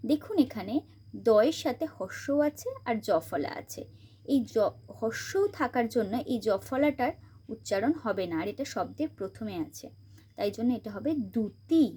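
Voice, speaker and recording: A woman hosting her own channel, teaching a spoken grammar lesson, explaining step by step and slowly repeating example words. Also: on the high side, lively intonation, a little mellow, slightly rough.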